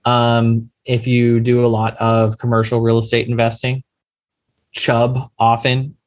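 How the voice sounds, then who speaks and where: An insurance claims lawyer answers as a guest in a podcast interview, giving emphatic advice and explaining it step by step. His voice is medium-pitched and monotone, and he speaks a little slowly.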